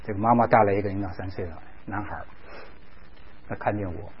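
A man's voice: fairly low pitch, steady tone, quick pace, husky. A man preaching a sermon, telling a story with animation, acting out quoted voices, and dropping in English words. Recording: dull lo-fi recording.

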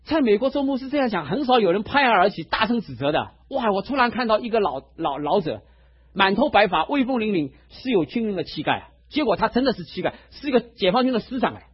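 A male pastor preaching a sermon, telling a personal testimony in an animated storytelling way, in a dull lo-fi recording. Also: sits high, quick pace, breathy edge. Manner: animated storytelling, acts out quotes.

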